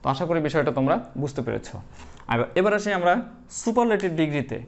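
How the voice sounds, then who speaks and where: A man's voice: fairly high pitch, sing-song, fast talker, vocal fry. A male English grammar teacher explaining an online class step by step, asking and answering his own questions and spelling words out letter by letter. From Bangladesh. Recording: dull lo-fi sound.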